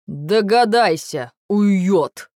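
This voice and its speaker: A woman voicing an older male general with burred r sounds, furious and sarcastic, speaking slowly and bitingly. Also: mid-range voice, expressive, no echo, studio quality.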